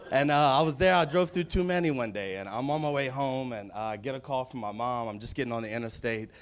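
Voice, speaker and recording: A man's voice: mid-range voice, fast, clear, resonant tone. Guy doing stand-up at a club, brash storytelling, medium voice, into a stage mic. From Louisiana, USA. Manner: brash, storytelling, punchy asides. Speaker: stand-up comedian. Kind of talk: stand-up comedy set.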